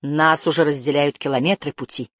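A woman's voice: low voice, fairly even intonation, brisk, no room sound, clean studio sound, natural voice. Woman voicing a blunt, curt grown man. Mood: firm. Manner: curt, firm.

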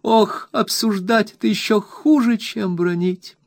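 A man voicing a childish, petulant young wife in a storybook reading, in a high, whiny, coaxing voice. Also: sing-song, measured pace, no echo, studio quality, heavily acted.

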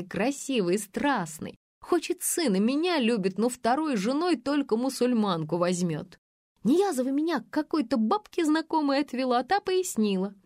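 A woman reading an audiobook, voicing a brash, spiteful, scheming woman with a shrill, mocking manner. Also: darkish tone, no room sound, clean studio sound. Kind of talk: audiobook character voice.

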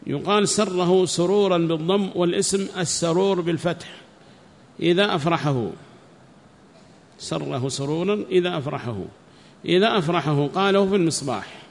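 A man teaching a religious text, reading each phrase and then repeating it slowly with explanations. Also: high voice. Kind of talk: classical text lesson with commentary. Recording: long reverb.

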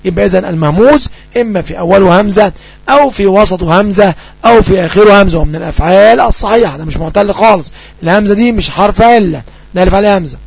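A man with an Egyptian accent teaching Arabic grammar. He asks quick questions and answers them himself, and slows down to read out the example sentences. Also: sits high, creaky, breathy edge, dry recording. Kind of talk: grammar lesson.

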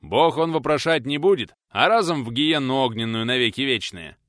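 A man voicing a bearded former outlaw, pious and stubborn, speaking in a gruff, drawling, emphatic way. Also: lowish voice, sing-song, normal speed, pushed and bright, dry recording, clean studio sound.

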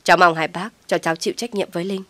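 A woman voicing a guilt-ridden young man who speaks quietly and formally with a choked voice. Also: fairly low pitch, steady tone, rapid-fire, no room sound, close to an everyday voice. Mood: subdued.

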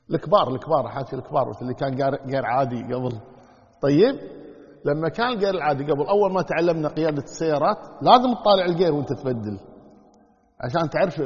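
A man with a slightly high, somewhat mellow voice teaches tajweed, explaining the rules of Quran recitation while repeating key words and sounding out examples. The lo-fi recording carries a long hall echo.

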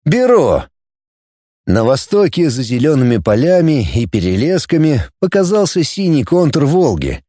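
A male narrator reads an audiobook with lively, expressive delivery. His voice is dark and mellow, a little high for a man. The recording is close and dry. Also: normal speed, hardly any pauses, no echo. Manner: animated, expressive reading. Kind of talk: scripted narration.

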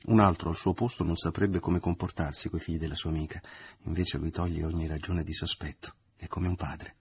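A man narrating a novel in a measured literary reading. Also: low-pitched, fairly even intonation, darkish tone, a little hiss or hum. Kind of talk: audiobook reading.

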